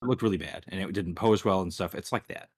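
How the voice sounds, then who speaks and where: Low-voiced man rambling in casual chat. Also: quick pace. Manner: rambling, restarts sentences, trails off quietly. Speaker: co-host. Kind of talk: casual live-stream chat.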